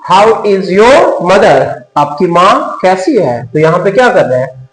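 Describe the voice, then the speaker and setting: Indian english teacher guy, really slow, says each word on its own, pretty high voice, echoey room. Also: big pitch swings. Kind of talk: slow classroom explanation.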